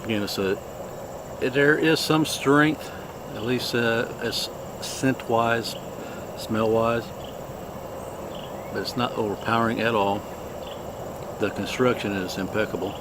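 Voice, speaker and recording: A man hosting a casual product review, talking in an unhurried, halting, plainspoken way. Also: fairly low pitch, fairly even intonation, noisy background. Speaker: cigar review host.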